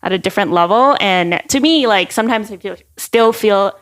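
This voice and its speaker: A young woman, a podcast guest, chatting casually and telling stories with quick acted-out quotes and lots of "like". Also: medium pitch, lively intonation, a bit bright. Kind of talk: casual chat.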